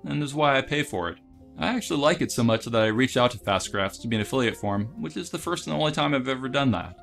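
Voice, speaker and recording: Brisk, gravelly man explaining investing. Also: mid-range voice, a bit bright. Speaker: dividend investing channel host. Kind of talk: scripted voice-over commentary.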